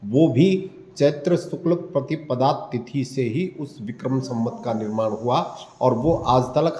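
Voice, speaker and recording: Hindi religious teacher in an echoey room. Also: male voice, medium pitch, mellow. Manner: storytelling, listing rituals with pauses. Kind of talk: devotional discourse.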